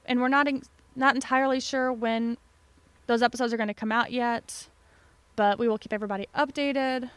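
A woman's voice: on the high side, fairly even intonation, a little fast, fairly bright tone, smooth, no room sound. A woman co-hosting a podcast in casual, chatty conversation, recorded at a desk mic at home. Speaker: podcast co-host. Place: home basement with no door. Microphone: desk microphone.

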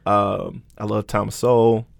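A man speaking as a guest in a casual conversation, earnest and outspoken, and quick to laugh. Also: on the low side, flat delivery, creaky, no room sound, clean studio sound.

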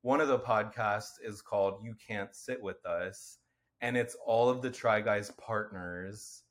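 A man co-hosts a podcast, chatting casually in a somewhat low, slightly nasal voice at a measured pace. He rambles, fills his speech with lots of fillers, and swears casually.

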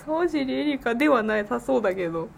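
A woman's voice: a little high, lively intonation, fairly quick, vocal fry, noisy background. A woman from Gifu co-hosting a podcast, chatting casually with laughter and reading listener letters aloud. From Gifu, Japan. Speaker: podcast co-host. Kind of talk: casual chat.

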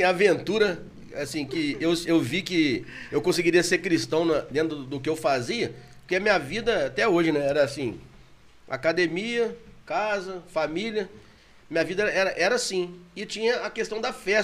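A man with a Brazilian Portuguese accent telling his story in a casual, animated chat, often laughing as he talks. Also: a little fast. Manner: animated, laughing, gets louder and higher when excited.

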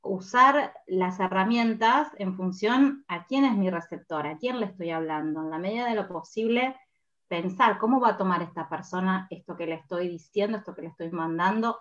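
Argentine woman guest explaining stuff, lots of fillers, kinda dull lo-fi audio. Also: mid-range voice. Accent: Argentine Spanish. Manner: explanatory, thinks aloud with fillers. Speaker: podcast guest, communication speaker. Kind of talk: casual podcast conversation.

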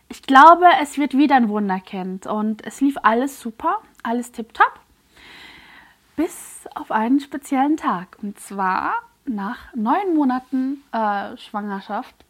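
A woman guest on a podcast telling a personal story in an earnest, emotionally charged way, halting with fillers and restarts. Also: fairly high pitch, lively intonation.

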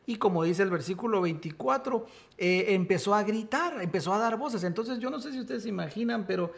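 A man's voice: high-pitched, lively intonation, brisk, creaky. A man preaching and teaching from the Bible, emphatic, rising to exclamations. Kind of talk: sermon-style Bible teaching.

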